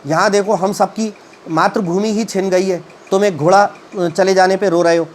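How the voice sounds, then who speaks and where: A man teaching a story: he reads English lines slowly, then retells and explains them at a halting pace with many fillers. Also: high-pitched, fairly even intonation, slight background noise.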